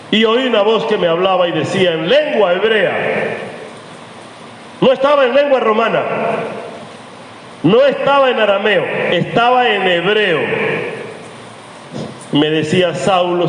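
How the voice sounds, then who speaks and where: A man with a Venezuelan accent preaching a sermon in church, slowing down and dropping low when he quotes scripture. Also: lively intonation, a little hiss or hum. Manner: dramatic, slows and drops low when quoting scripture. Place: church sanctuary. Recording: echoey church hall from the pulpit.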